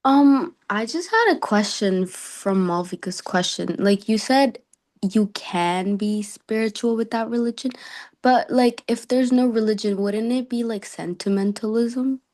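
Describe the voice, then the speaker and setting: A woman's voice: on the high side, a little slow, a little mellow. Tentative woman saying "like" a lot. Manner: tentative, many "like"s. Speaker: participant asking a question. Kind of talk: casual discussion.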